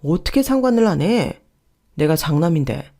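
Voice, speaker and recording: A woman's voice: low-pitched, big pitch swings, normal speed, warm tone, full character voice. A woman voicing a frustrated adult son who speaks firmly and with exasperation. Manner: firm, exasperated.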